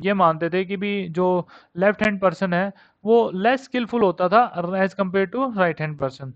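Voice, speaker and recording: Male teacher, fairly high voice, dry lo-fi recording, explains words patiently. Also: dry recording. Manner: explains in Hindi, reads English lines slowly. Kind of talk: vocabulary lesson.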